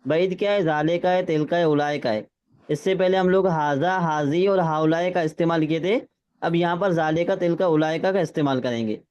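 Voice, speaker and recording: A man teaching Arabic grammar in an online class, patiently checking that students follow and reading phrases out slowly. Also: a little high, darkish tone, clean tone. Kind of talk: classroom lesson with drills. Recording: slightly dull lo-fi sound.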